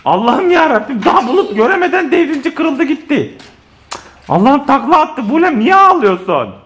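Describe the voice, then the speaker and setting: A man with a Turkish accent filming a family vlog at home with his child, talking in an animated, exclaiming way. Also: extremely high pitch, normal speed, noisy background. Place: home living room.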